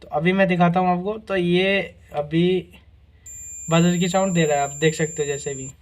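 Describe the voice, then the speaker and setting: High-voiced man explaining a repair. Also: fairly even intonation, normal speed. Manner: explains step by step, often adds "guys" and "theek hai na". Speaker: repair tutorial host. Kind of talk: casual hands-on repair demonstration.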